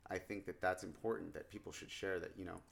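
A man's voice: sits low, little pitch movement, fast talker, gravelly. A man in casual podcast chat, rambling and swearing freely with lots of fillers.

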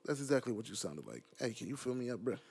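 Teasing male podcast host, lively pitch. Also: quick pace, creaky, slight background noise. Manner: teasing, laughs often, profane slang. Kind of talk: casual chat.

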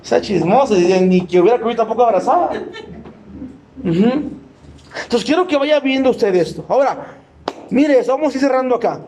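A man's voice: very high voice, lively intonation, moderate pace, long pauses, warm tone, slight background noise. A man preaching a sermon in a church, emphatic and humorous, often asking the congregation yes-or-no questions and mimicking people.

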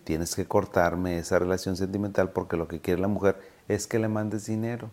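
A middle-aged Mexican psychiatrist with a lowish male voice talks in an easy, explanatory way. He tells his stories with animation, acting out both his own side and his patients' side. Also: normal speed. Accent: Mexican Spanish. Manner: animated storytelling, acting out both sides of a conversation. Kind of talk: casual explanatory talk.

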